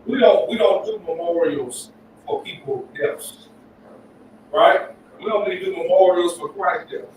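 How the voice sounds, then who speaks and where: A man's voice: sits high, a little slow, a little mellow. A man teaching a Bible class, emphatic, repeating his points and asking rhetorical questions. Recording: echoey room, distant mic, faint noise.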